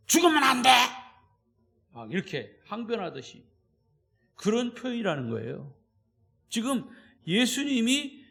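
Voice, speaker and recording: A male pastor delivering an evening service sermon in a notably high voice. He preaches with emphasis and keeps turning to the congregation with short prompts to draw them in. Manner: emphatic, checks in with listeners with "예?".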